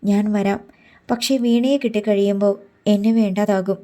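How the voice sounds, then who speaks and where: Coy thirty-year-old village maid, voiced by a woman reader: teasing, mock-sulky, mellow and slightly lifted. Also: mid-range voice, fairly even intonation, moderate pace, lightly acted. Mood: coaxing. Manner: coaxing, mock-sulky questions.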